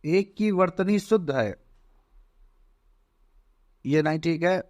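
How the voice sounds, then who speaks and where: A man teaching as he goes through an exam paper, slow and deliberate, often checking in with "theek hai". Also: on the high side, lively intonation, darkish tone, no room sound, studio quality. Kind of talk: exam paper walkthrough lesson.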